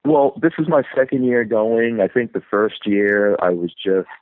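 This man grew up in New York City and is a YouTuber guest on a tinny phone line with no echo, chatting in a casual interview. His voice is fairly low with lively intonation at a normal speed, and he comes across as easygoing and reflective, rambling and restarting his sentences.

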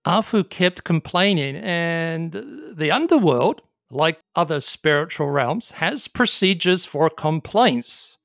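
A storyteller narrating a folk tale in a measured way, sometimes stepping aside to explain. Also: mid-range voice, expressive, fairly bright tone, no room sound, studio quality.

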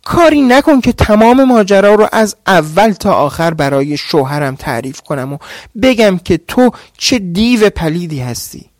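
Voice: medium pitch, sing-song, hardly any pauses, darkish tone, no room sound, clean studio sound, natural voice. A storyteller voicing a young jinn wife who defiantly threatens her mother.

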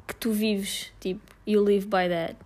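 A woman's voice: mid-range voice, level tone, unhurried, a little mellow. A woman interviewing casually, asking probing questions and pressing her points.

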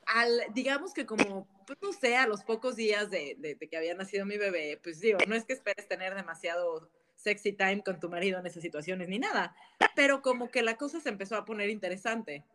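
A woman is a guest in a casual interview. She tells her stories candidly and in an animated way. She laughs often while she talks. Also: mid-range voice, fairly quick.

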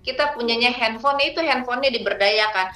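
A woman's voice: a little high, brisk, pushed and bright. A middle-aged woman giving motivational promotional talk as a guest instructor, emphatic and repeating words for stress. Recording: roomy echo on the voice.

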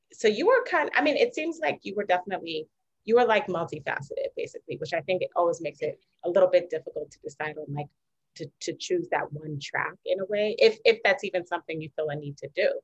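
A woman hosts a casual interview, winding through her questions with eager enthusiasm. Her voice is a little low. The recording sounds dull and lo-fi. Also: expressive, fairly quick.

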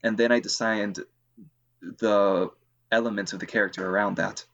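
Man, lowish voice, halting casual talk, lots of fillers, dull lo-fi recording. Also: fairly even intonation, fairly bright tone. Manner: hesitant, many fillers and restarts. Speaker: co-host. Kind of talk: casual podcast chat.

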